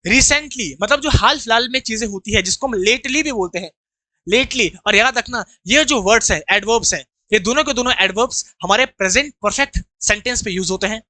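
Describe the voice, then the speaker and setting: Indian male tutor, online vocab class, lively and bright, dry recording. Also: high-pitched, brisk, dry recording. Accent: Indian English. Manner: explains terms, has students repeat after him. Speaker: English teacher.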